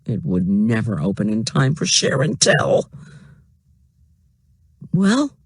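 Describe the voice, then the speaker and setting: A man narrating a children's storybook aloud, slow and expressive. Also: fairly low pitch, husky, no room sound.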